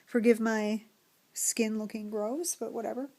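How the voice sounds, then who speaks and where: A woman's voice: fairly high pitch, fairly even intonation, warm tone. Candid American woman vlogging casually. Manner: candid, self-deprecating, hesitant pauses mid-thought. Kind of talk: casual personal vlog, talking through questions.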